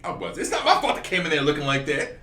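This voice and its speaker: A man's voice: a little high, sing-song, quick pace, bright, forceful tone. A man co-hosting a casual podcast, joking and defending himself, cursing freely. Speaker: podcast co-host. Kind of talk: casual chat. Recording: roomy, distant mic, faint hiss.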